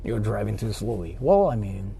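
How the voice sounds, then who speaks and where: A man with a lowish, dark voice and some vocal fry chats animatedly on a livestream while driving, at a moderate pace. He rambles, repeats what he says, and swears freely, and the noisy car interior carries plenty of vehicle noise.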